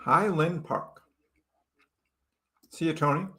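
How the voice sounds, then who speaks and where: A man from Chicago hosts a crypto livestream, reading viewer comments and greeting people by name in a casual chat. His voice is fairly high and sharp, and he talks slowly.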